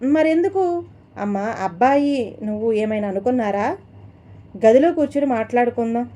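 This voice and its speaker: Woman playing a soft-spoken dad gently asking his daughter stuff, mellow voice, storybook. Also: fairly high pitch, expressive, moderate pace, lightly acted. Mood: coaxing. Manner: soft, coaxing questions. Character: gentle middle-aged father, calm and coaxing.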